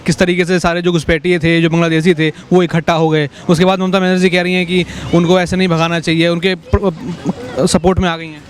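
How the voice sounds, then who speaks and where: A man's voice: sits high, little pitch movement, fairly quick. A man interviewing people on the street, asking pressing, leading questions. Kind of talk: street vox-pop questioning. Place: outdoors on a city street. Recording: faint street traffic noise.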